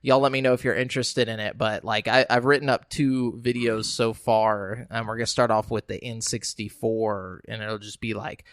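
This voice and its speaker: A man's voice: fairly low pitch, level tone, moderate pace, hardly any pauses, dry recording, studio quality. Rambling podcast guy. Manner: loose and rambling, many fillers. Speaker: podcast co-host. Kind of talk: casual chat.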